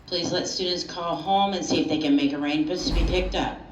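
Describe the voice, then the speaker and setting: A woman making a brisk, formal announcement to teachers over a school intercom loudspeaker. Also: low-pitched, steady tone, a little hiss or hum. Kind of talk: public address announcement. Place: classroom, heard over the intercom. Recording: echoey far-off loudspeaker, dull lo-fi sound.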